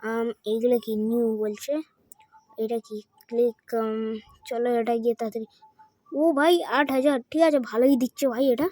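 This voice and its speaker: A woman doing excited gameplay commentary, dropping Hindi phrases in as she counts and clicks. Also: a little high, moderate pace, dry recording, clean studio sound. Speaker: gaming channel host.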